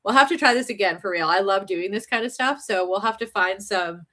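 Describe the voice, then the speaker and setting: A bright, forceful voice at medium pitch and slightly quick speed belongs to a livestream host from the northern United States who carries a slight Southern accent. She rambles chattily through her casual stream, giggling and using many fillers.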